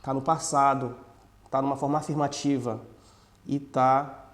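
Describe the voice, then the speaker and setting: A man teaching English at an even middle pitch. He explains patiently and says the example sentences slowly, again and again. He comes from Brazil. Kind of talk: explaining a language lesson.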